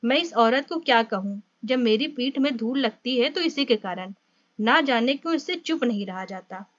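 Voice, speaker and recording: A woman's voice: a little high, lively intonation, normal speed, no echo, lo-fi sound. Woman reading as a stern weary peasant farmer. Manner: stern, restrained.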